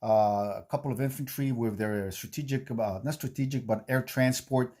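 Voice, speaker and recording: A man hosting a board-game series, giving a casual recap in a halting way, repeating himself and checking in with "okay". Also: mid-range voice, fairly even intonation, a little mellow. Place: indoor home game room he calls the bunker.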